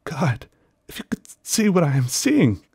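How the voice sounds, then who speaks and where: A man's voice: very animated, unhurried, vocal fry, darkish tone, husky, no echo, studio quality, heavily acted. A man reading a story aloud, voicing a terrified man trapped underground who whispers shakily and then screams in despair. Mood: whispering terror. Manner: shaky whispers rising to frantic high screams.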